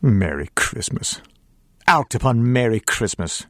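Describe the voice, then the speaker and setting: A man's voice: mid-range voice, sing-song, a little slow, fairly bright tone. An actor playing Scrooge, a bitter, miserly old man, delivering his lines with theatrical contempt. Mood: scornful. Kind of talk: stage reading.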